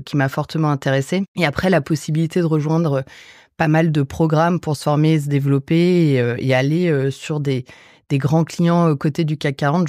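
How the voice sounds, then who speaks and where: A woman in her forties from the Paris region, a guest in a podcast interview, answering hesitantly with many filler pauses. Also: deep voice, mellow, dry recording, clean studio sound. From Paris region, France. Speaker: guest investor.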